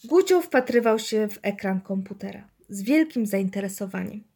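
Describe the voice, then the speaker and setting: A woman reading a children's story aloud in a lively, expressive way. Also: medium pitch, moderate pace, husky. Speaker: narrator.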